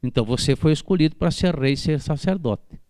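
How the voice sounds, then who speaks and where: A man's voice: a little high, animated, a little fast, dark tone, dry recording. A man with a Brazilian Portuguese accent preaching a sermon at a church service, fervently putting questions to the congregation by name. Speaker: pastor.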